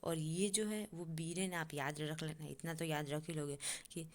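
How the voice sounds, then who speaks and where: A woman's voice: low voice, fairly even intonation, normal speed. A young woman teaching memory tricks for an exam, who keeps repeating herself and checking that the listener follows. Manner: repetitive, keeps asking "ठीक है?" and checking on the listener.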